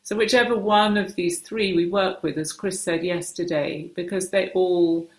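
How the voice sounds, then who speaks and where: In an echoing, spacious room, a woman leads a meditation with gentle instruction. Her voice is on the low side with fairly even intonation, and her short phrases are unhurried and hesitant.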